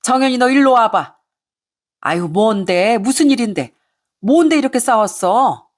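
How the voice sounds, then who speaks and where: A woman voicing a hot-tempered older mother-in-law who scolds and nags in a raised, high voice. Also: expressive, unhurried. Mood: scolding.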